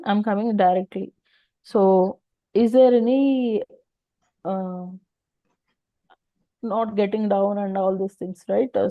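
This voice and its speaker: A woman's voice: medium pitch, vocal fry, dry recording, dull audio. A woman with a South Indian accent teaching an informal technical lesson, explaining step by step and often asking questions that the speaker then answers. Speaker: data engineering instructor.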